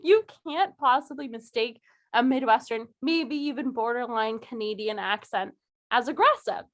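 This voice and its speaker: A woman's voice: a little high, moderate pace. A young woman co-hosting a podcast, chatting casually and giggling through her words with lots of fillers. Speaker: podcast co-host. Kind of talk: casual chat.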